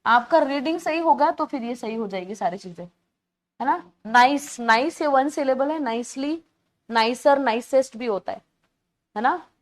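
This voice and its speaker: Her voice sits high as she leads an online exam-prep grammar class. Patient explanations come in Hindi mixed with terms, with key words repeated and students called beta.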